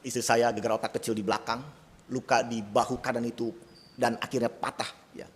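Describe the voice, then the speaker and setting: A man's voice: mid-range voice, little pitch movement, fairly quick, long reverb tail. A male pastor preaching a sermon in a church, conversational and laced with self-deprecating humor. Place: church sanctuary.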